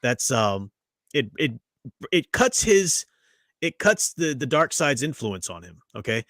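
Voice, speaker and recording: A podcast host leads a casual review chat, talking eagerly and at length and frequently restarting his sentences. His medium-pitched voice is very animated and a bit bright, delivered at a measured pace with no room sound.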